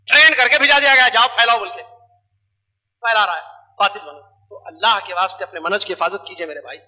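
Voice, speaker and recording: A man's voice: very high-pitched, sharp tone. A male preacher, delivering an emphatic sermon full of rhetorical questions.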